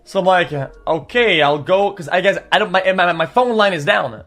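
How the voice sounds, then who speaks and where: A young man in his twenties, a streamer casually telling a story to his chat, rambling and profane, repeating words and breaking into animated bursts. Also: sits high, moderate pace, faint music behind.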